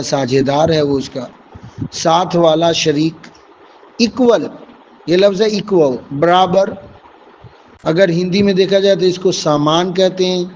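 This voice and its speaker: A man's voice: on the high side, a little mellow, a little hiss or hum, rough recording. A man teaching a vocabulary lesson, explaining English words one by one with Urdu and Hindi meanings and calling his listeners dear students.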